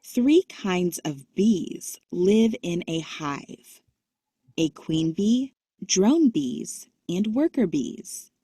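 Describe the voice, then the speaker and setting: Very slow and deliberate, a woman narrates an educational book for children in a low-leaning, mellow, soft-edged voice that's slightly rough. Her intonation rises and falls lively, and the recording is dry.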